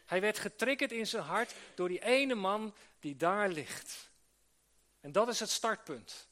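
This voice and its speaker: A man with a high voice preaches earnestly to a gathered group. He restarts his phrases often and asks rhetorical questions as he goes. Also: measured pace, sharp tone. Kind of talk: sermon to church workers. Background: live audience he addresses.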